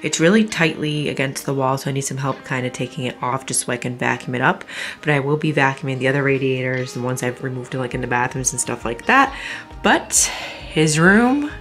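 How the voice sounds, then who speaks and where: Woman, 30s, deep-ish voice, casual practical cleaning narration, light music bed. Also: brisk. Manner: chatty, practical, relaxed explaining. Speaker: cleaning vlogger.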